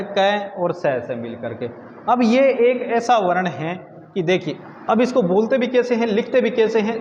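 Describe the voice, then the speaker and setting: Male grammar teacher, high voice, asks and answers his own questions, echoey room with a dull lo-fi sound. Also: slight background noise. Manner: asks students questions and answers them himself, repeats words slowly. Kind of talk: video lesson.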